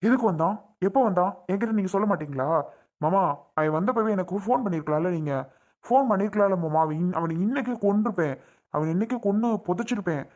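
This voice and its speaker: A man's voice: sits high, lively intonation, fast talker, a little mellow, muffled recording. A man playing a young husband and father who is defiant and heated, firing repeated questions, in a family drama skit. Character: young husband, protective and hot-tempered father.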